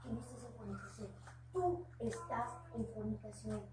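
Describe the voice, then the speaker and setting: A woman's voice: fairly high pitch, steady tone, normal speed, dark tone. A woman with a Mexican accent, preaching informally at a house church meeting, earnest and conversational, with homely personal asides. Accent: Mexican Spanish. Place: room at a home church gathering. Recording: echoey room, distant mic, noisy background.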